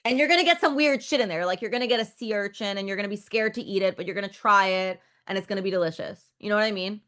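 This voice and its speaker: A woman in her thirties, a director appearing as a guest in a casual interview, talks loosely and ramblingly, full of "like" and restarts, and swears frankly. Her medium-pitched voice races along and sounds a bit bright.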